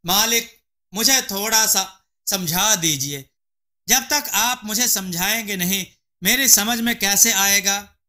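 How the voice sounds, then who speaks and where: A man's voice: sits high, takes it slowly, sharp tone, heavily acted. Bhondu, a man doing a foolish, earnest servant. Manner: naive, earnest. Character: simple-minded, literal male servant.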